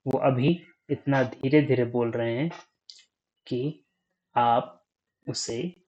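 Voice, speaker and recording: A young man giving a casual talk on speaking, unhurried, thinking aloud and often checking in with the listener. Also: mid-range voice, darkish tone, muffled recording. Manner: frequent "ठीक है?" check-ins.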